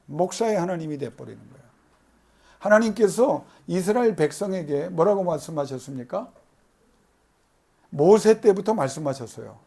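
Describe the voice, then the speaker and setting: A man delivers a sermon in a noticeably high voice. He poses questions to the congregation and answers them himself. He pushes louder and harder on the phrases he wants to land. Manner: emphatic, swelling louder on key phrases. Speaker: pastor. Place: church service.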